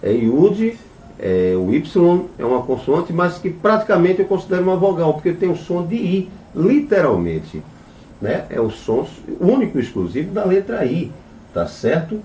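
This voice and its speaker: A man's voice: on the high side, sing-song, normal speed, warm tone, slight background noise. A man teaching a religious class as a rabbi. He spells Hebrew letters and vowel marks out one by one, asks "right?" after nearly every phrase, and turns emphatic when he rejects false claims. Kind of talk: religious lesson on Hebrew names. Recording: echoey room, mic at a distance.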